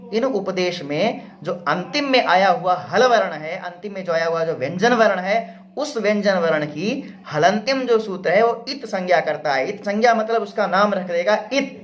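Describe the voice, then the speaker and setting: A man teaching Sanskrit grammar in a lecture, explaining patiently with many repetitions and rhetorical questions. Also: high-pitched. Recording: dull lo-fi sound.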